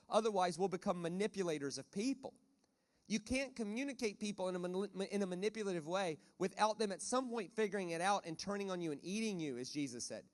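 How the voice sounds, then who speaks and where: A man with a fairly high voice preaches at a church leadership conference. He speaks into a stage mic and is lively, slipping into acted-out voices along the way. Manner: animated, acts out voices of panicked people and God. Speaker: guest preacher. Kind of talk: conference sermon. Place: church auditorium.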